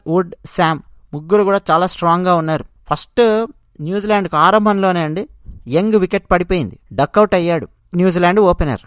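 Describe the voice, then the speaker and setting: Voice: medium pitch, no echo, studio quality. A host giving cricket commentary as a match recap, conversational and emphatic, addressing listeners directly.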